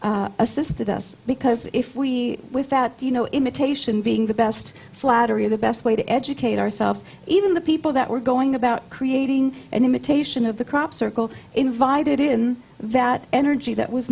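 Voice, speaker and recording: A woman's voice: fairly high pitch, moderate pace, creaky, few pauses, dark tone, husky. A woman being interviewed, explaining things conversationally and often repeating her phrases as she goes. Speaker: interview guest, spiritual channeler.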